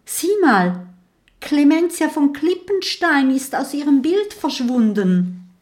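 Squeaky young porcupine girl, very high and excitable, yelping at every scare, as a woman reader does her. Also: takes it slowly, full character voice. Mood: excited. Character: jumpy young female porcupine companion.

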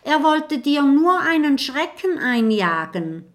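A woman's voice: sits high, sing-song, slow, voice pushed up, full character voice. A woman voicing a friendly little male dragon in an audiobook, earnest and encouraging. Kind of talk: audiobook character voice.

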